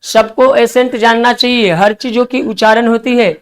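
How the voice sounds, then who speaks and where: Man, classroom English-vocab teacher, clear smooth voice, spells words out, coaxing. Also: extremely high pitch, level tone. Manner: spells words letter by letter, coaxing students to write fast.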